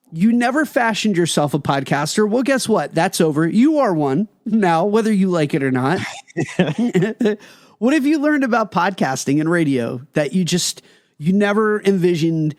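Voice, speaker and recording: A man hosting a podcast, upbeat and enthusiastic, with jokes and quick banter. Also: on the high side, no room sound, clean studio sound. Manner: energetic, joking, enthusiastic. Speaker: podcast host.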